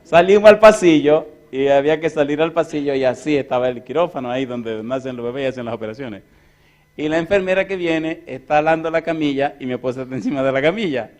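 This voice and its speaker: A man's voice: fairly high pitch, fast. Playful male pastor telling stories. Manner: lively, jokey anecdote-telling; acts out other people's voices. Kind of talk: storytelling sermon.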